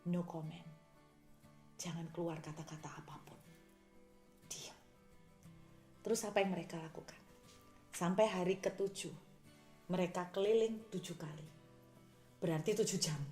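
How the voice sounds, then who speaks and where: A woman preaching a sermon. She talks in a lively way, shouting praises and then dropping to a near whisper. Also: lowish voice, reverberant.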